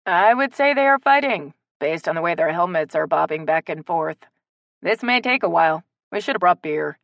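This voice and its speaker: A woman's voice: fairly low pitch, lively intonation, normal speed, creaky, fairly bright tone, no room sound, dull audio. A woman voicing a wry, joking man who explains and mock-announces.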